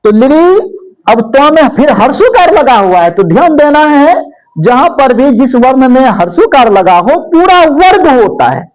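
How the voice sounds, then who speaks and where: Woman, grammar teacher, high voice, slow explaining, repeats terms, lively rise and fall. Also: poor audio. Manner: slow, repeats each term, asks and answers own questions. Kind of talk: classroom lesson.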